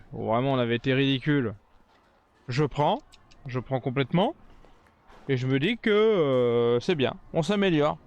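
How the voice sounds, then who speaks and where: A man's voice: a little high, clear, resonant tone. A man giving casual running commentary on his video game, given to sarcastic, grumbling asides. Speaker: gaming video creator.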